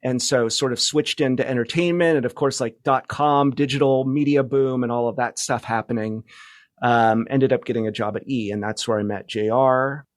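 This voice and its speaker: A middle-aged American man from California, a journalist appearing as a podcast guest, casually recounts his career. His medium-pitched voice keeps a steady tone at a moderate pace, and the studio-quality recording has no echo.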